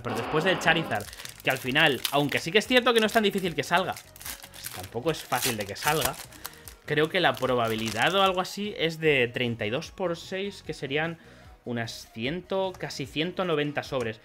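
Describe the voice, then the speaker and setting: This card collecting YouTuber is a young man from Spain, speaking with a Spanish accent in a fairly high voice at normal speed, with music playing behind him. He rambles chattily through a pack opening vlog, now and then erupting into excited shouts and laughter.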